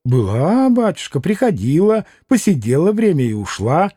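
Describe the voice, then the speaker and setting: A man's voice: on the high side, big pitch swings, normal speed, warm tone, no room sound, clean studio sound. A man putting on a querulous old servant woman. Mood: grumbling. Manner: querulous, folksy address.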